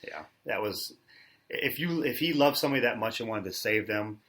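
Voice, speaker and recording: A man's voice: fairly low pitch, animated, normal speed, fairly bright tone. A man co-hosting a casual podcast, arguing his opinion at length. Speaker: podcast co-host.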